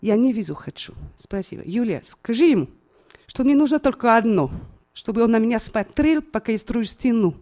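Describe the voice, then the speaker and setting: A woman's voice: on the high side, animated, moderate pace, warm tone, lightly acted. Woman reading as a lonely Russian wall-builder. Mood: pleading. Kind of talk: author reading her play aloud.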